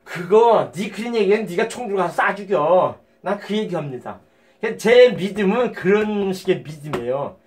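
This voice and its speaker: Guy preaching off the cuff, high voice for a man, blunt and crude, keeps bursting out loud. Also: lively intonation, normal speed. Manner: blunt and profane, with sudden emphatic outbursts. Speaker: lay preacher. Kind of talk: informal sermon.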